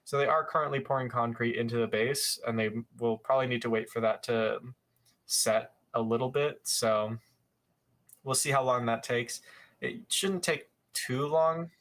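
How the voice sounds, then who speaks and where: A man's voice: mid-range voice, normal speed, fairly bright tone. Man rambling through spaceflight commentary. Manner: rambling, frequent fillers and self-corrections. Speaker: live show host.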